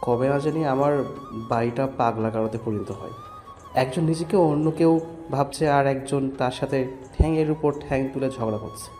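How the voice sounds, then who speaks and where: A man voicing an exasperated grown son and father, muttering low. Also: moderate pace, warm tone, soft background music, close to an everyday voice.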